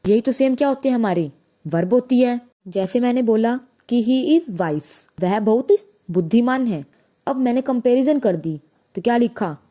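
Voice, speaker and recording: Mellow-voiced woman teaching grammar. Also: on the high side. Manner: explains slowly, asking and answering her own questions. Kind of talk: grammar lesson.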